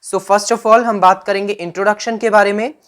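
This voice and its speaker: A woman's voice: medium pitch, fairly even intonation, moderate pace. A woman teacher with an Indian English accent gives a slide-based grammar lesson. She switches between Hindi and English and keeps checking in with "right?" and "fine".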